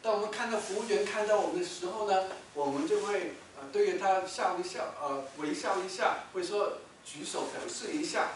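High-voiced preacher in an echoey hall. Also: male voice, brisk, few pauses, slight background noise. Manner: storytelling, rhetorical questions, loud when quoting shouts. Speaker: pastor. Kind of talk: sermon. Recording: echoey hall, mic from far off.

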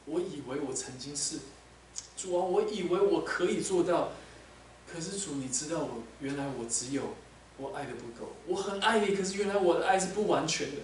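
A man voicing an ashamed male disciple in a sermon, speaking in halting, broken-off confessions. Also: a little high, a little hiss or hum, close to an everyday voice. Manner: halting, confessional, breaking off mid-phrase. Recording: echoey hall, mic at a distance.

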